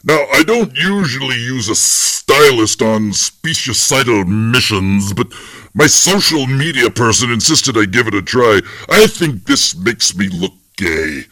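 A man voicing a boastful male alien warlord who shows off his photos in a deadpan, casually brutal way. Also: mid-range voice, measured pace, no room sound, low-quality recording. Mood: vain.

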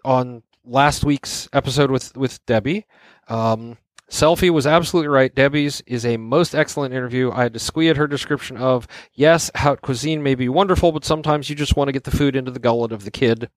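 Male podcast host, mid-pitched, easygoing public radio delivery, conversational, close dry recording. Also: fairly quick, dry recording. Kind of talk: casual conversational podcast hosting.

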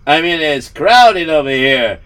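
A man's voice: on the high side, animated, a bit bright, clean tone, far from the mic, pitched above the performer's own voice. A man voicing an arrogant, boastful rich man who demands special treatment, in an improvised story. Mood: indignant. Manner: haughty, indignant, drawn-out exclamations.

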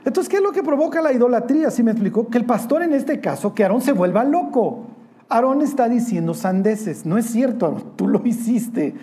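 A man's voice: extremely high pitch, animated, normal speed, warm tone. A man preaching a casual sermon to young people, conversational and teasing, with slang.

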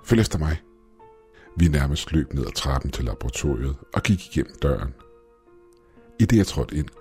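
A man narrating a scripted first-person story in a steady, measured way. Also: extremely low pitch.

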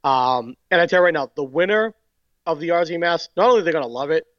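An excitable man with a Boston accent co-hosting a casual podcast, often restarting his sentences. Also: on the high side, fast, no echo, dull audio. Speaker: podcast co-host.

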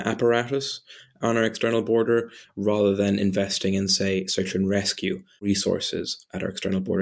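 A man in his late twenties from Ireland, answering interview questions in a measured, articulate way with small restarts. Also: on the low side. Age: 20s. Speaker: interview guest.

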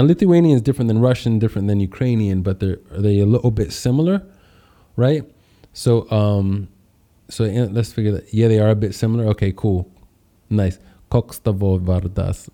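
Upbeat, slangy man hosting a livestream, mellow voice. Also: mid-range voice. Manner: upbeat, exuberant greetings and shout-outs; slangy, conversational. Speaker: podcast host and public speaker. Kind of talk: casual live stream chat with viewers.

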